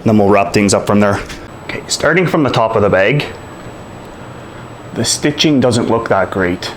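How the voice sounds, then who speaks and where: A man's voice: fairly low pitch, expressive, normal speed, slight background noise. A man casually reviewing a product at home, talking in a blunt, frank and slightly exasperated way. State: out of breath after punching. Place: home room with hardwood floor.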